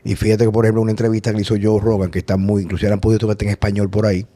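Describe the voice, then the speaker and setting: A man's voice: on the low side, level tone, very fast, mellow. A man hosting a podcast, talking in a rambling conversational way with many restarts. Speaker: podcast host. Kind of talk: casual conversation.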